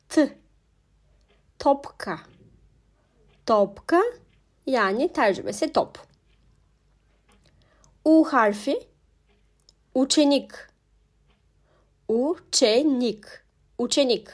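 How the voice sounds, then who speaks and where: A young woman teaching a language alphabet lesson, pronouncing each word slowly and repeating it twice. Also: on the high side. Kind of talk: slow spoken alphabet lesson.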